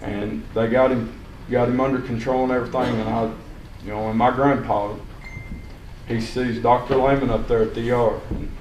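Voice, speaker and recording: A man's voice: medium pitch, little pitch movement, moderate pace, a little mellow. A young man giving unscripted public comment at a county meeting, plain-spoken and rambling with restarts. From Sequatchie County, Tennessee. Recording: echoey hall, distant mic, faint hiss.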